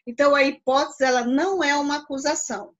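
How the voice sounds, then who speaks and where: Brazilian teacher lady, high voice, patient explainer on a video call class. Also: fairly even intonation, fast, lo-fi sound. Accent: Brazilian Portuguese. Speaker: philosophy teacher. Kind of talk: live online class.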